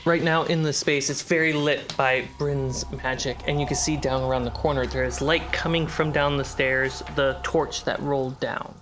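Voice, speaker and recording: With a steady tone, moderate pace and few pauses, a mid-range male game master narrates scenes and answers his players. Background noise, atmospheric music and rain effects sit behind the recording.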